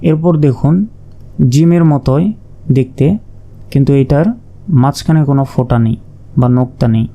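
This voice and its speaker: A man's voice: mid-range voice, normal speed, pauses often, warm tone. A man teaching Arabic letters in a patient, step-by-step lesson, repeating each sound and drawing some out. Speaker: Quran reading teacher. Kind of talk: slow recitation lesson.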